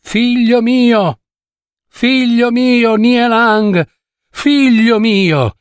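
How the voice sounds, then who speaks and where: A man putting on a shrill, desperate old mother. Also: drawn-out words, smooth, dry recording, studio quality, heavily acted. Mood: wailing. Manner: high shrill pleading cries.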